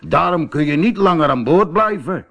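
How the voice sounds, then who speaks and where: A man doing a gruff kindly sea captain. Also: on the high side, lively intonation, normal speed, a bit bright, voice pushed up.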